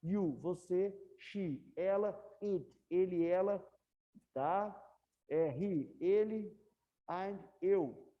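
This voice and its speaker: A woman's voice: lowish voice, drawn-out words, lo-fi sound. A woman English teacher with a Brazilian Portuguese accent, explaining grammar to a class and checking in with students often. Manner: patient, repeats questions to students.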